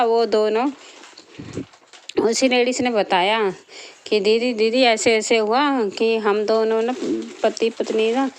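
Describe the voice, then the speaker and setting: A woman's voice: on the high side, clean tone. A woman vlogger telling a story from her life and giving earnest moral advice, repeating herself often. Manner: repetitive, earnest, preachy.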